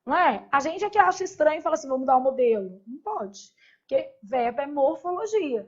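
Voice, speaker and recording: A woman leads a classroom grammar lesson in a high voice. She stretches out each conjugated form and keeps checking in with the class through quick questions. The recording is dull and lo-fi. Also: lively intonation. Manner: spells out verb forms slowly, asks the class rhetorical questions. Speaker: Portuguese grammar teacher.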